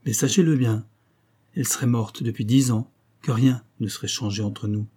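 A cold, severe husband who speaks calmly and firmly in a mellow, husky low-mid voice, as a male reader plays him. His delivery stays detached and unmoved. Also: normal speed, natural voice.

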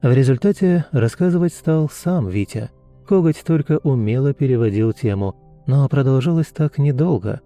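A man narrates an audiobook in a steady, unhurried storytelling way. His voice is gravelly and very dark, with a mellow low tone over faint background music.

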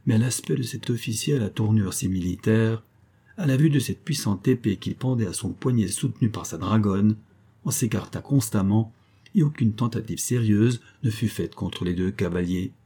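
Low husky male audiobook narrator. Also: moderate pace, dark tone. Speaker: audiobook reader.

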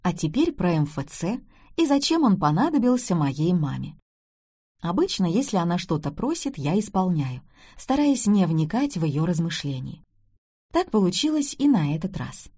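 A woman's voice: fairly low pitch, sing-song, moderate pace, warm tone, slightly rough. Woman narrating a wry family story.

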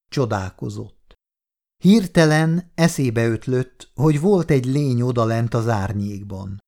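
A man narrating a novel in a measured, steady reading voice. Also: medium pitch. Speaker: audiobook narrator. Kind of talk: scripted narration.

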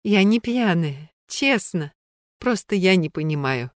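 A woman reading a story, voicing a drunk middle-aged woman who weeps and pleads, rising to shrill cries. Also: big pitch swings, moderate pace, no echo, clean studio sound. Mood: tearful.

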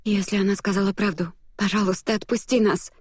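A woman voicing a timid young princess in an audiobook, speaking at a raised, pleading pitch. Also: moderate pace, a little mellow, no echo, studio quality, natural voice.

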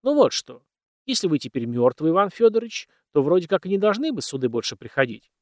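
Man playing an old house servant, cautious, folksy, lively pitch, dry close sound. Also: fast talker, no echo. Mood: nervous, dutiful.

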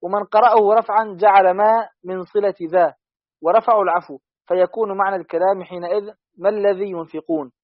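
A man with a high voice reads a classical text aloud at a fast clip, steady and even. The sound is dry and dull, like lo-fi audio. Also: no echo. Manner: quick, steady recitation. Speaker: student reader.

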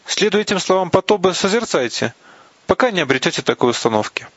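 A man giving a slow, deliberate reading of a religious text, pausing between phrases and sometimes restarting a word. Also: sits high, lively intonation, no room sound. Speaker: reader of Buddhist teachings. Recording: dull, lo-fi, dry recording.

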